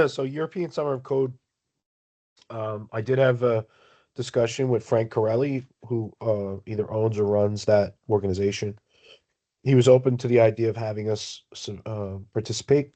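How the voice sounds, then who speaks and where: A man on a video call explaining things in an online work meeting, speaking in a measured, halting way as the project lead. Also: on the low side, darkish tone. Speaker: project maintainer leading a community meeting.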